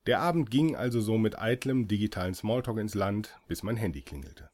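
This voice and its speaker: A man's voice: on the low side, expressive, brisk, a little mellow. A man reading a first-person story aloud as an audiobook, with dry, ironic delivery. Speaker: audiobook reader.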